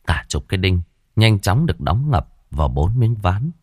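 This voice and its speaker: A man narrating an audio story in an expressive storytelling manner. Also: sits low, normal speed, husky, no echo, studio quality.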